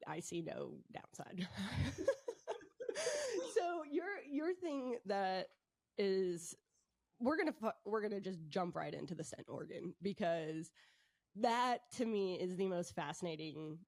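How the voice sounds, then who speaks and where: A woman's voice: fairly low pitch, a little mellow, dry recording. A woman hosting an interview podcast, bubbly and enthusiastic, with a stuffy nose from a head cold. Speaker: podcast host.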